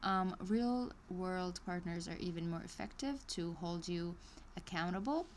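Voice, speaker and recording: Somewhat slowly and in a lowish voice, a woman reads an online course aloud on a live stream, adding chatty asides and small laughs. Lots of ums and restarts make her sound hesitant. A little hiss or hum can be heard.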